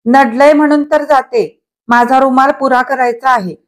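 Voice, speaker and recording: Woman doing a high-voiced stubborn little girl in a storybook reading, pleading. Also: fairly even intonation, normal speed, lightly acted. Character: young girl, lively, stubborn, easily hurt.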